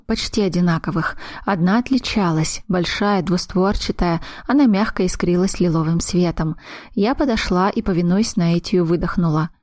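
A woman narrating a first-person fantasy audiobook, voicing each character's lines slowly and deliberately. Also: fairly low pitch, a little mellow, no echo, clean studio sound.

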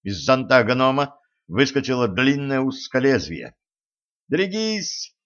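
Give me a man reading an adventure novel aloud with lively storytelling, in a muffled, lo-fi audiobook recording. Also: mid-range voice, normal speed. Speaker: audiobook narrator. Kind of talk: scripted narration.

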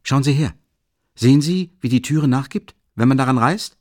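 A man voicing an eager, excitable young man who talks quickly and insistently in an audiobook. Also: mid-range voice, no room sound, studio quality, voice pushed up, lightly acted. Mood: urgent. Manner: urgent, quick, insistent reasoning.

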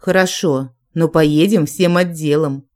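Wary adult witch woman, guarded manner, measured storybook voice, as the narrator reads her. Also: sits low, a little mellow.

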